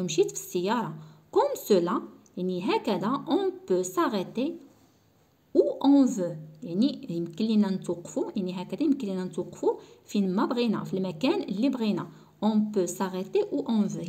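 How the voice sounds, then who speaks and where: A woman with a Moroccan accent explains a French spelling lesson for schoolchildren and says French words slowly and clearly. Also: medium pitch, mellow. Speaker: primary school French teacher.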